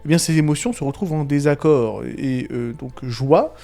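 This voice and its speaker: Chatty, rambling man with a slightly high voice. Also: moderate pace, vocal fry, dark tone, faint music behind. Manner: rambling, heavy on fillers and restarts, chuckling; slangy and irreverent. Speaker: YouTube film commentator. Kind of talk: casual video commentary.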